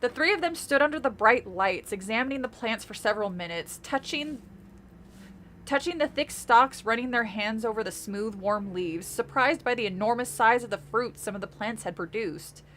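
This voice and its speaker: A little hiss or hum sits under this young streamer's voice, which is a little high, fairly bright and lively, at a moderate pace. She reads a children's horror book aloud, chatty and giggly in between, her voice slightly groggy from talking all day.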